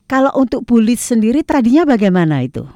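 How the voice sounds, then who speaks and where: A woman's voice: a little high, very animated, quick pace, warm tone, no room sound, studio quality. A woman conducting a conversational interview with polite, chatty questions.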